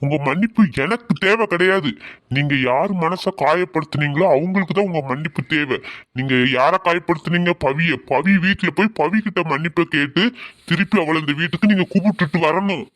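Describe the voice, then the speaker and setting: A man's voice: fairly high pitch, brisk, a bit bright, close to an everyday voice. A man playing an angry young adult son who accuses his mother in a family drama skit. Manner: accusing, indignant.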